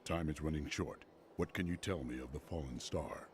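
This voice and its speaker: A man's voice: moderate pace, noisy background. An actor playing a stern, resolute male warrior hero in a video game, speaking tersely. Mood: grim. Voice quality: very deep, terse.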